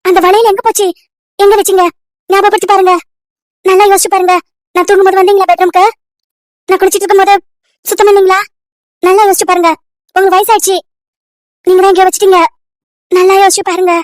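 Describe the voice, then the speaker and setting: A woman's voice: very high-pitched, level tone, quick pace, pauses often, no echo, clean studio sound. A woman voicing a young married woman in a cartoon story, anxious and pleading, repeating her questions over and over. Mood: distressed.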